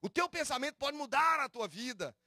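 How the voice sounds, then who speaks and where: A man preaching a fervent sermon, calling the congregation beloved and brothers and rising to shouts on key phrases. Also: very high-pitched, sing-song, brisk, no room sound, studio quality. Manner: addresses listeners as "amado" and "irmão". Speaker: pastor. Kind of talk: Pentecostal-style sermon.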